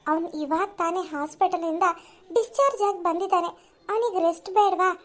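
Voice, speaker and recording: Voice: very high-pitched, fairly quick, fairly bright tone. A performer voicing a kindly but firm middle-aged mother in a home-made cartoon. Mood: motherly scolding. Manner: soothing, motherly.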